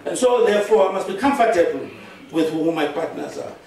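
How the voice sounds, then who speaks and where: A South African man in middle age, a Xhosa speaker, delivers a funeral eulogy in a relaxed storytelling way, chuckling as he goes. His voice sits fairly high for a man. The live stream is heavily echoey and picks him up from a distance, with a faint hiss behind. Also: brisk. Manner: conversational storytelling, chuckles often, mixes Xhosa phrases into English. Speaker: eulogist, former business partner. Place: large hall at a funeral service.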